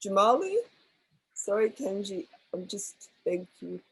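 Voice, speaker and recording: Gentle husky-voiced woman facilitator. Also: medium pitch, animated, a little slow, dry recording, rough recording. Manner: gentle and apologetic. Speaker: workshop facilitator. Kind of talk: calling on participants in an online workshop. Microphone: video call microphone.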